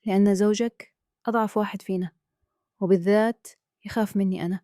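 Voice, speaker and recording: A woman with a Kuwaiti accent voicing a calm, scheming man who speaks in a hushed, persuasive way. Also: medium pitch, quick pace, no echo, studio quality, lightly acted. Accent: Kuwaiti Arabic.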